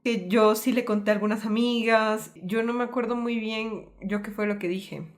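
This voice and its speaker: A young woman from Colombia, a podcast co-host, reflectively telling her side of a family story in a soft-spoken way. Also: a little high, steady tone, normal speed. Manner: soft-spoken, reflective, self-described nervous. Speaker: podcast co-host, the speaker's sister. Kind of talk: candid personal storytelling.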